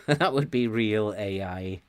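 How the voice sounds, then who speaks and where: A man's voice: on the low side, clear, resonant tone. A man in his sixties, chatting and chuckling at himself while commenting on a game he plays. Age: 60s. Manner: chuckling, self-mocking, slow and chatty. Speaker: let's play host.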